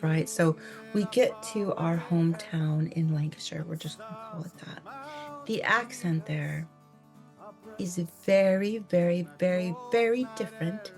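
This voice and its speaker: A woman's voice: on the low side, darkish tone. An American woman from California telling a story in a chatty way, laughing often and acting out her own reactions. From California, United States. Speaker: vlogger. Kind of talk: casual storytelling.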